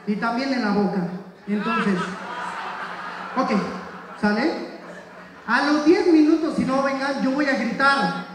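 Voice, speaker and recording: High-voiced Mexican man doing stand-up. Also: distant mic, heavy background noise. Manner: crude, rapid-fire audience banter. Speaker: stand-up comedian. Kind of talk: stand-up comedy set. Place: live stage in a hall with audience. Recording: echoey hall, mic heard from afar.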